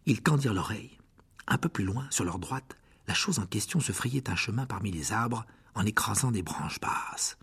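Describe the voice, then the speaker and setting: A man's voice: fairly low pitch, lively intonation, moderate pace, a bit bright, slightly rough. A man narrating a fantasy audiobook dramatically, often dropping to a whisper. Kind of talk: expressive audiobook reading.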